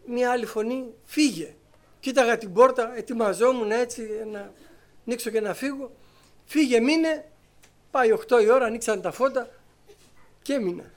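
A middle-aged man giving a personal testimony to his congregation as a lively storyteller who acts out the conversations he recounts. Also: very high-pitched. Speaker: church member giving testimony.

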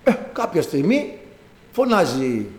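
Man giving a sermon, animated delivery that swings in pitch, acts out voices, echoey church sound. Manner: animated preaching, acts out quoted voices, rising to emphatic peaks. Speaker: priest.

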